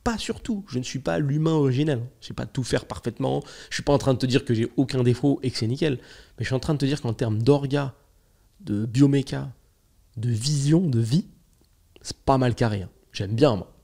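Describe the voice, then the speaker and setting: A man's voice: mid-range voice, fairly quick, vocal fry, dark tone. A young man hosting a podcast, talking in a casual, slangy monologue and acting out his own inner voice. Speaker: podcast host.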